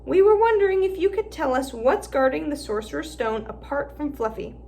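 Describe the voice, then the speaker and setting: A woman's voice: high voice, very animated, brisk, vocal fry, warm tone, slight background noise, voice pushed up, heavily acted. A woman reading aloud and voicing an earnest, direct young schoolboy wizard.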